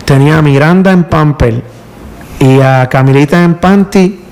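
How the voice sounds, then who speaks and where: A man's voice: on the high side, moderate pace, a little mellow. Emotional Puerto Rican man telling his story. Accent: Puerto Rican Spanish. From Puerto Rico. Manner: emotional storyteller, repeats words, tearful at times. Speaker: guest, power utility worker. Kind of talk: emotional casual conversation.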